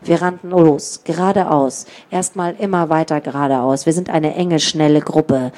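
A woman's voice: low voice, fairly even intonation, normal speed, dark tone. A woman reading a children's story aloud, giving the children and the gang members their own voices. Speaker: audiobook narrator.

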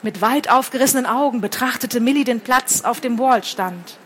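A woman author reading her own novel aloud at a book fair, in lively, wry first-person narration. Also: a little high, normal speed, slight background noise.

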